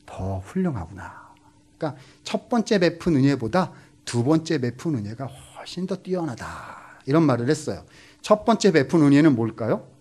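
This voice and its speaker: A middle-aged man preaching with a pitch that swings widely, rising and falling as he tells the story. He jumps into the voices of the Bible figures and keeps turning to the congregation with questions. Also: a little mellow. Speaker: professor preaching as guest. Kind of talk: lively sermon.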